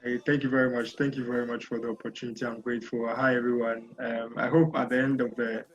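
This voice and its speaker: A young man from Ghana, talking as a guest in a casual interview, chatty and energetic. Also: medium pitch, quick pace, lo-fi sound. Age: young adult.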